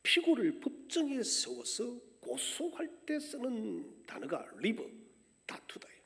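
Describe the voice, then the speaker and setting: A man preaching a sermon as pastor, dramatically voicing the people's complaints and swinging between hushed lines and loud outbursts. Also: extremely high pitch, wildly swooping pitch, slow pace, creaky. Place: church sanctuary. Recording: long church-hall reverb.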